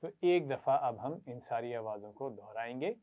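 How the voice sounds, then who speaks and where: A man, teaching children Quran reading, slowly drilling sounds and asking them to repeat after him with praise. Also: mid-range voice, expressive. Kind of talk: children's recitation lesson. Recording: tinny phone-like lo-fi audio.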